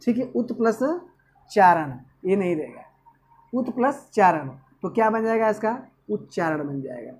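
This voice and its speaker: A man's voice: sits high, lively intonation, unhurried, darkish tone. A male teacher giving an exam-prep grammar lesson, asking questions and answering them himself. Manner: asks and answers own questions, repeats "okay".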